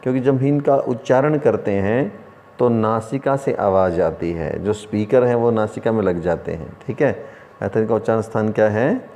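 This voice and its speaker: A man teaching an online lesson, who explains slowly by asking questions and then answering them himself. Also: fairly low pitch, warm tone. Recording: room with long reverb.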